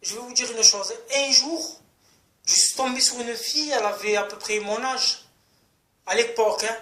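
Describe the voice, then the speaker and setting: A man's voice: very high-pitched, fairly even intonation, normal speed, pushed and bright, reverberant. A man in his thirties from France, ranting crudely and repetitively to camera in a casual outdoor vlog. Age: 30s. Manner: rambling, crude, repeats himself. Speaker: vlogger. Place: outdoors in sunny street.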